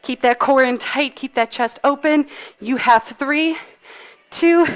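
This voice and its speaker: This instructor has a high, smooth voice and talks a little slowly as she leads a live workout in a fitness studio. Breathless from exercising, she cues movements and counts down with upbeat encouragement.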